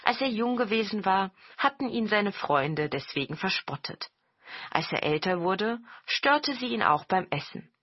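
Woman, slow storybook reading, lowish voice, dull lo-fi sound, faint music. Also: sing-song, slightly rough, dry recording. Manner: slow and deliberate. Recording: dull lo-fi recording.

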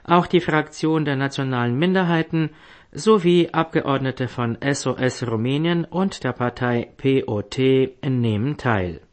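A man reading a scripted news bulletin in a formal manner as a radio newsreader. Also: mid-range voice. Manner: formal, headline then story.

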